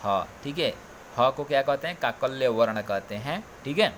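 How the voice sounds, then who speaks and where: Speaking animatedly at a normal speed, a male coaching teacher leads students through Hindi sounds letter by letter, repeating each one and constantly checking in with "ठीक है." His middle-pitched voice is a bit bright, and faint hiss runs beneath it.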